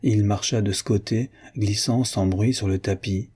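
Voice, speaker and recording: A man narrates a literary novel in a steady, measured reading. His voice is low and mellow, with a husky grain. The delivery stays even and unhurried.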